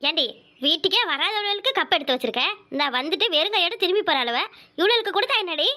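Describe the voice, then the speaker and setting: A woman voicing a sharp-tongued, indignant young housewife in a Tamil cartoon, with a Kanyakumari Tamil accent. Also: extremely high pitch, expressive, quick pace, exaggerated voice. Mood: scolding. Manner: scolding, sarcastic.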